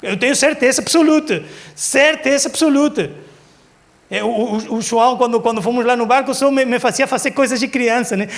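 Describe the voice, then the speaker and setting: High-voiced pastor preaching. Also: male voice, fairly quick. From Argentina. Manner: lively storytelling, acts out quotes for laughs. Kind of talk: sermon. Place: church service.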